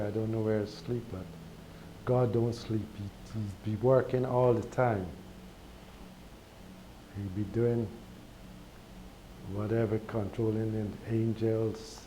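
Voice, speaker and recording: Guyanese man, lowish voice, halting testimony, noisy recording. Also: mellow. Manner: slow, halting, with repeated words and pauses. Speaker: speaker sharing a spiritual testimony. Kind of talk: personal testimony monologue. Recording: recorded with clear background noise.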